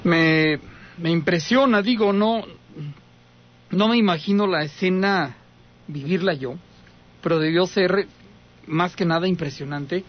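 A man's voice: sits high, measured pace, long pauses, dull audio. A man hosting a talk show, musing aloud and restarting his sentences. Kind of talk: talk radio chat.

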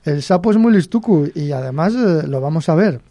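Man, Cantabrian accent, podcast host, folk tale storytelling, chatty, chuckling, mellow, fairly high. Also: lively intonation, a little fast, creaky, no room sound.

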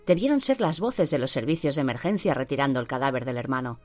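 Un médico cortante y mandón, en boca de una mujer de voz baja. La grabación es sorda, de baja fidelidad. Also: female voice, a bass voice, animated, fast, darkish tone. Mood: clinical. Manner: curt, commanding. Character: cold, authoritarian male doctor. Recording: dull lo-fi with faint music.

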